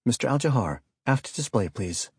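A man voicing a stern female fleet admiral, giving clipped, crisp orders. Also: mid-range voice, big pitch swings, moderate pace, no room sound, clean studio sound, pitched above the performer's own voice, heavily acted. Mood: commanding.

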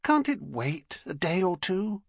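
A man's voice: sits high, big pitch swings, measured pace, slightly rough, no echo, clean studio sound, pitched above the performer's own voice, exaggerated voice. A man voicing a worried, fussy middle-aged wife in an audiobook. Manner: worried, fussing.

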